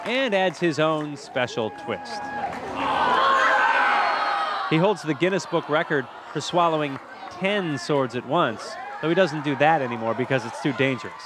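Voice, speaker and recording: Playful man narrating over loud fair crowd. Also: on the high side, expressive, a little slow. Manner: playful, dramatic build-ups in short punchy phrases. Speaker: TV feature reporter. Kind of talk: scripted narration of a light feature story. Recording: crowd chatter and clear outdoor fair noise. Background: outdoor fair crowd and ambience.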